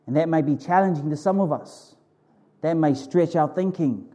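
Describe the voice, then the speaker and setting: Mellow-voiced Antipodean man preaching informally. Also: fairly high pitch, moderate pace, highs cut off. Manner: informal, conversational, with emphatic repetition. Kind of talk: sermon to a congregation.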